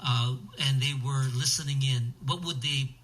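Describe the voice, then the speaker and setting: A man's voice: medium pitch, moderate pace, fairly bright tone. A man hosting a conversational interview in the manner of a public radio host.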